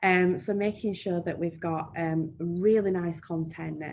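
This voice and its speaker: A woman's voice: on the low side, fairly even intonation, unhurried, darkish tone, a little hiss or hum. A woman with a broad Yorkshire accent presenting a live marketing webinar and answering questions in a chatty, down-to-earth way, with frequent "um" fillers. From Yorkshire, England. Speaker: marketing trainer.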